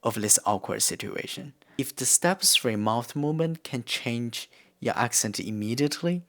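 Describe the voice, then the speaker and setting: A man whose first language is Korean, from near the China–North Korea border, gives earnest, plain English-learning tips to camera in instructional talk. His mid-range, fairly bright voice has lively intonation and normal speed, with non-native phrasing and restarts, while guitar music plays behind him.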